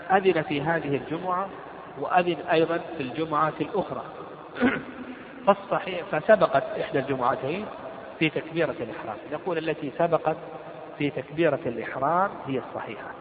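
Lecturing man in a roomy hall. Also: on the high side. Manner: slow, repeating points and reading the text aloud. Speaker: teacher of Islamic law. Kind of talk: lecture explaining a legal text. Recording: roomy hall over a tinny line with crowd noise.

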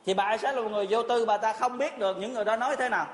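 A man's voice: high-pitched, very fast. A man telling a religious story as a sermon, earnestly retelling events and acting out the quoted dialogue. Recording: echoey hall.

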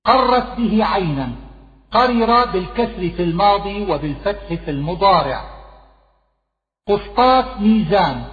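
A man reading a scholarly text aloud, listing word meanings at a steady, measured pace. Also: high voice. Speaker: reader of a Quranic glossary. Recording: phone-like sound in an echoey hall.

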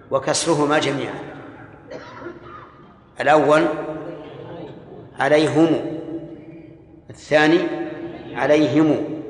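A man teaching a Quran exegesis lesson. He explains step by step, stresses key words with sudden louder rises and quizzes his students. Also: fairly high pitch. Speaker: religious teacher. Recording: echoey hall with long reverb.

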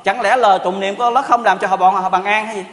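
High-voiced preacher man in a reverberant hall. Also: fairly even intonation, fast talker, fairly bright tone. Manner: rhetorical questions, repeats exclamations. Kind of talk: sermon with storytelling.

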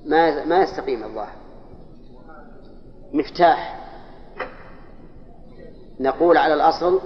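Brief: male teacher, slightly high voice, quizzing students, dull lo-fi hall recording. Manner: explains step by step, quizzes students with "ها؟". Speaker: teacher of Arabic grammar. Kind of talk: classroom lecture on grammar. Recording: echoey hall, dull lo-fi sound, faint hiss.

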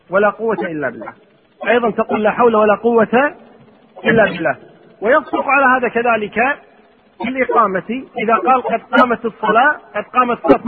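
A man's voice: extremely high pitch, breathy edge. A man teaching Islamic law, reading lines from a text and explaining them with questions to his students. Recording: tinny phone-like audio with long hall reverb.

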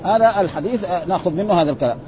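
A man's voice: high voice, animated, rapid-fire, dark tone, slight background noise. A man teaching a lesson, reading classical texts and explaining them in colloquial asides, with frequent "ha" fillers and self-corrections. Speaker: religious teacher. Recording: slightly dull lo-fi recording.

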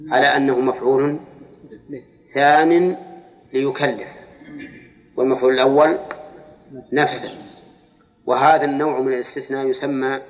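Male religious teacher, lecture style, stretches words to quiz his class, muffled hall recording with a lingering echo. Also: mid-range voice. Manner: questions students, drawls words for emphasis. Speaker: Islamic scholar teaching Quran exegesis. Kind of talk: classroom lecture on Quranic grammar.

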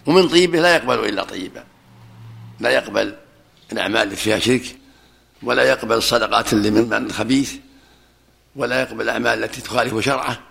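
A religious scholar teaching hadith speaks in a medium-pitched, slightly bright voice with vocal fry. He explains the hadith, answers his students' questions, and repeats key phrases for emphasis.

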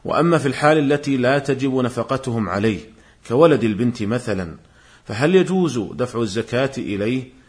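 A man delivering a scripted religious lecture in formal standard Arabic, in a measured, formal manner as he cites sources. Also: mid-range voice, lively intonation. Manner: formal, measured, citing quotations. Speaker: religious lecturer presenting a programme series.

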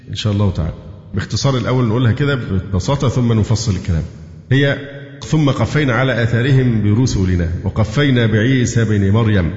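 A man with an Egyptian accent teaching a tafsir lesson, reciting verses slowly and quizzing his listeners with fill-in questions. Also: mid-range voice, darkish tone. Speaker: Quran teacher. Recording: dull echoey hall recording.

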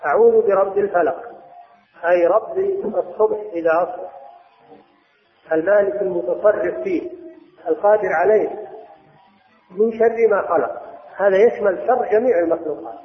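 A man giving a measured religious lesson as a scholar, explaining step by step with some restarts. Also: high-pitched. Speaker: Islamic scholar. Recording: echoey hall over tinny phone-like line.

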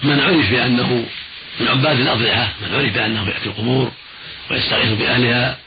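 Very fast, gravelly male religious scholar. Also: medium pitch. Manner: didactic, emphatic repetition. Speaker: Islamic scholar answering listeners' questions. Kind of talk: religious instruction in formal Arabic. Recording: noisy, dull old radio recording.

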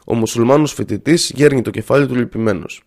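A man narrating a story aloud in a measured, earnest way. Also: mid-range voice, vocal fry, darkish tone.

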